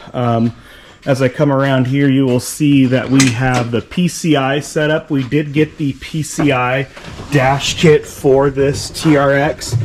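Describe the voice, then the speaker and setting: A vlogger holds a GoPro action camera as he shows off vehicle radio gear in a workshop, moving in and around a side-by-side. His mid-range voice is a little mellow, with a faint hiss or hum on the recording. He talks casually and enthusiastically, informal and a bit hesitant.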